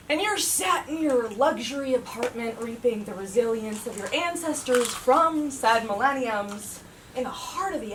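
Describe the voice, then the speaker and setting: A young woman doing a stand-up comedy monologue, profane and sarcastic, with an animated delivery. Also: mid-range voice. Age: young adult. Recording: distant mic with loud room noise.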